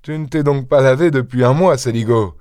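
A man voicing a self-assured, mocking gentleman burglar in an audiobook, teasing and ironic with lively high flourishes. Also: fairly quick, clear, resonant tone, dry recording, studio quality, lightly acted. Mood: disgusted. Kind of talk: audiobook character voice.

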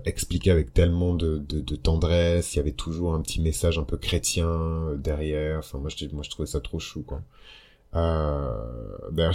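Young guy doing a solo podcast, low mellow voice, lots of "euh" and restarts. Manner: chatty, hesitant, many fillers and self-corrections. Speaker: astrology podcast host. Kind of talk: casual solo podcast talk.

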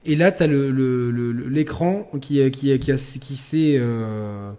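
A man hosting a casual gaming podcast, talking with animated stops and restarts. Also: mid-range voice, slow pace. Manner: animated, stumbling restarts, laughing storyteller. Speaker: podcast host.

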